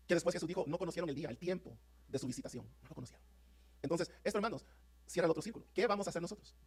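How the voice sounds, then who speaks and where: A man preaching a sermon to his congregation as pastor, fervent and emphatic, often asking if they are with him. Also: high voice. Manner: fervent, rapid preaching with rising emphatic peaks; addresses congregation as brothers, asks "¿están conmigo?". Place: church sanctuary.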